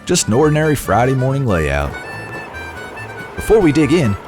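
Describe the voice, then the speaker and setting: A man's voice: medium pitch, huge pitch swings, moderate pace. A man reading a polished, scripted voice-over narration for a travel vlog. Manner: polished, descriptive, travel-show tone. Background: background music.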